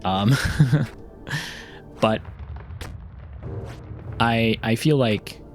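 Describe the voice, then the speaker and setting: A gaming YouTuber who also writes novels chats casually while playing, rambling with frequent ums, restarts and occasional laughs. His medium-pitched voice draws out words, with faint music behind.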